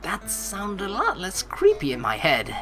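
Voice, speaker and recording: With faint game music in the background, a woman speaking in a mid-range voice reads a game's narration expressively for a let's play. She's unhurried but animated, exclaiming and reacting aloud as she goes.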